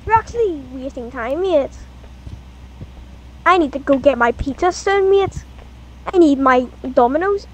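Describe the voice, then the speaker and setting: Giggly high-voiced woman teasing friends. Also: animated, unhurried, long pauses, a little hiss or hum, poor audio. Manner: teasing, giggly, blurts out exclamations. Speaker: gamer. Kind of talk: casual gaming chat.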